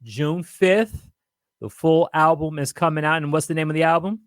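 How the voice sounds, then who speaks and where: A man's voice: fairly high pitch, steady tone, normal speed, a bit bright, dry recording, clean studio sound. A man hosting a radio interview show, upbeat and loose, with plenty of fillers.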